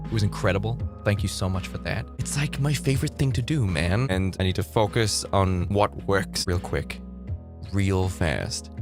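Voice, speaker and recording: A man talking casually to camera as a YouTuber, dramatic and theatrical, jumping between hushed asides and loud outbursts, recorded close on the mic. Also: low voice, moderate pace, music in the background. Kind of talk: casual video commentary.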